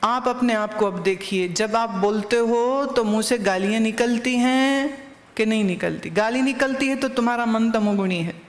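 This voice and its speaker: A woman's voice: on the high side, normal speed. Woman spiritual teacher delivering a satsang, questioning listeners directly; roomy, reverberant recording. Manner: anecdotal teaching with rhetorical questions. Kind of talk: satsang discourse.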